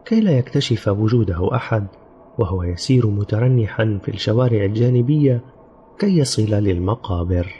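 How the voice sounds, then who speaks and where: Deep-voiced man narrating a grim story. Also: dark tone, slight background noise. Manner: grave storytelling, sometimes voicing characters. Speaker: audiobook narrator. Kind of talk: dramatic scripted narration.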